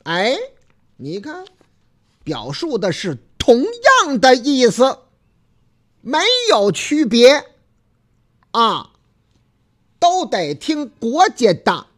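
A male radio host with a thick Beijing accent chats with listeners in a loose, folksy way, trailing off into drawn-out filler particles. His voice is animated, swinging up and down in pitch. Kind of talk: casual radio talk show chat.

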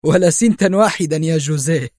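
A man's voice: fairly high pitch, brisk, no echo, studio quality, lightly acted. A man voicing Adham, a cool mocking hero. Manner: calm and sarcastic. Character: cool, mocking male hero facing captors.

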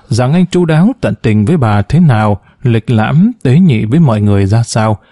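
A man narrates a novel in steady, measured storytelling. His voice is mellow and dark, with a medium pitch. The sound is close and dry, with no room echo. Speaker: audiobook narrator. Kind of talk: scripted narration.

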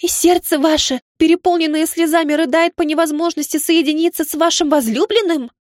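A woman's voice: extremely high pitch, steady tone, fairly quick, darkish tone, no echo, clean studio sound, voice pushed up. A woman voicing a plump, eager young maid who gushes breathlessly and lives for love stories. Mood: gushing, eager. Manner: breathless, exclaiming, gasping. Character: eager gushing young maid, romance-hungry.

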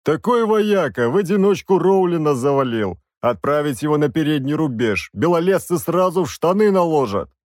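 A man doing a gruff bass-voiced commander. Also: very animated, normal speed, hardly any pauses, a little mellow, dry recording, studio quality. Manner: blunt, rough soldier talk. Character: gruff bass-voiced military commander, blunt old soldier.

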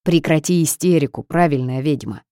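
A woman's voice: low voice, expressive, moderate pace, gravelly, mellow, no echo, studio quality, full character voice. A woman voicing a secretive, gluttonous male forest creature with a wry, teasing manner.

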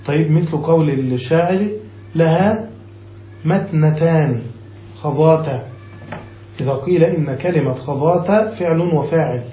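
Grammar teacher, male, mellow dark tone, explains patiently, echoey room with faint background hum. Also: a little high, measured pace, long pauses. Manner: reads text then explains, checks students with "got it?". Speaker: sheikh teaching Arabic grammar. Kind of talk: classical text lesson.

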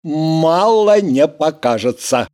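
A jealous, earnest young man, as a woman reads him in a storybook speaks slowly, in clipped and gruff replies. His lines rise and fall more than a plain voice does. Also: low voice, animated, mellow. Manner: terse, gruff short replies.

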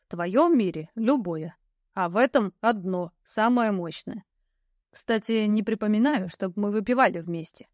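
A woman voicing a haughty, curt male ghost knight who gives slow, growled commands. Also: medium pitch, a little mellow, no room sound, clean studio sound, natural voice. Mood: stern.

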